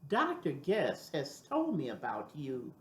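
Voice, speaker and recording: An older woman voicing a dignified, encouraging gentleman doctor in a storybook, courteous and measured. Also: sits low, huge pitch swings, roomy sound, voice pushed down, full character voice. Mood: kindly, encouraging.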